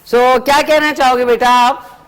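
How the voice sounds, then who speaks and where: A woman's voice: high voice, steady tone, unhurried, smooth. A middle-aged woman, hosting a live morning TV cooking segment and chatting to viewers and callers. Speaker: morning show host.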